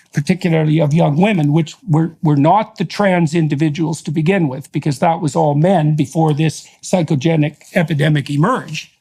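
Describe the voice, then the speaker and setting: A man's voice: fairly high pitch, darkish tone. A man hosting an interview, making his case emphatically in long, run-on sentences. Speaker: podcast host. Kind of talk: heated interview conversation.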